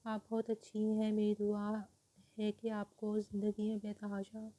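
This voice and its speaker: A woman's voice: medium pitch, monotone, dark tone, natural voice. A woman voicing a vengeful, manipulative young maid who taunts and pleads in an audio novel. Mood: meek. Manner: taunting, then tearfully pleading.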